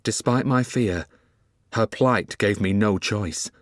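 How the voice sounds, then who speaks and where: A man narrating a dark fantasy audiobook in the first person, telling it expressively. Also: fairly low pitch, slow, dry recording, clean studio sound.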